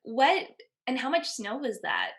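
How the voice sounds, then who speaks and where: A woman's voice: high-pitched, big pitch swings, a little slow, creaky, a bit bright. A woman hosting an interview podcast, welcoming her guest and asking friendly, encouraging questions. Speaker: podcast host.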